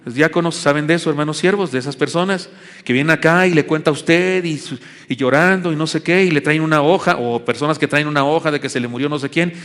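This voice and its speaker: Pastor from the north, folksy self-mocking preacher, church with long reverb. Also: male voice, fairly high pitch, quick pace, a bit bright. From Chihuahua, Mexico. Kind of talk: sermon. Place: church sanctuary.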